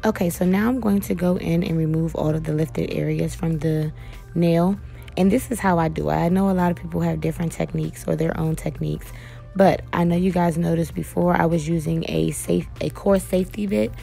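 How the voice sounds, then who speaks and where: A hoarse young woman, a nail technician, chatting casually to viewers as she walks them through a tutorial. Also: fairly low pitch, steady tone, brisk, mellow, faint music behind. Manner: chatty, addresses viewers as "you guys", frequent "um". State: hoarse, voice cracking. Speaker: nail technician and beauty vlogger.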